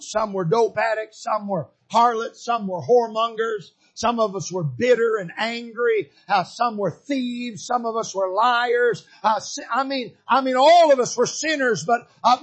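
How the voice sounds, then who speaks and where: High husky preacher guy, sermon, repeats himself, gets loud and fired up. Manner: builds to fervent shouting, repeats phrases for emphasis.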